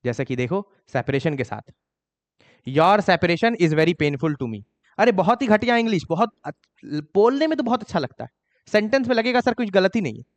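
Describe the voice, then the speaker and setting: A man with an Indian accent teaching an exam-prep grammar lesson. He reads English examples slowly and scolds students for their mistakes. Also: big pitch swings, long reverb tail. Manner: scolding, mocks students' excuses in a higher voice.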